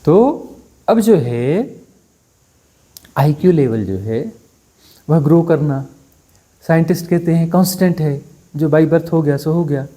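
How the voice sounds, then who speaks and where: Guy teaching at a satsang, kinda high but soft warm voice, blunt, keeps going "right?". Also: expressive, takes it slowly, long pauses. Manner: conversational, keeps asking "है ना?" for assent; blunt and dismissive, mocking. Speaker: spiritual teacher. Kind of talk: satsang discourse.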